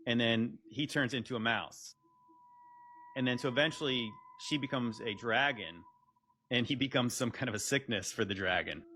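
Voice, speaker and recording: Guy chatting casually, bright voice, little bit of background noise. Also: mid-range voice. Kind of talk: casual podcast-style chat. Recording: noisy background ambience.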